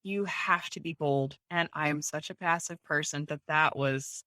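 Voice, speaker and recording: Animated woman interviewee, storytelling, slightly low voice, dry room. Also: moderate pace, no room sound. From United States. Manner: animated, acts out voices in anecdotes, laughs often. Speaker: guest, home bakery owner.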